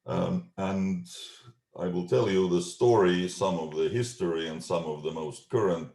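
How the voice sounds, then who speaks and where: A middle-aged man with an Estonian accent giving a scientific talk over a video call, measured and full of ums and uhs. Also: low-pitched, a little mellow. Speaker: genetics researcher giving a talk. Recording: echoey room.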